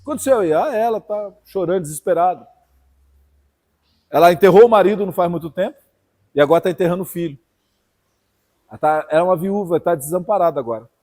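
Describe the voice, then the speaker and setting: A Brazilian man from São Paulo preaching a fiery sermon, swinging from hushed asides to loud outbursts and calling out to his listeners. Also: high voice, fast talker, long pauses. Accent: Brazilian Portuguese, São Paulo. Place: church hall. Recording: long church hall reverb.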